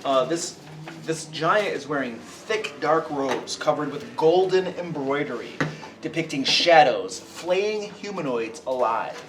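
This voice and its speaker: A man's voice: fairly high pitch, animated, unhurried. A man narrating a tabletop game as game master, explaining the scene and checking that listeners follow. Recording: echoey room, distant mic, faint noise.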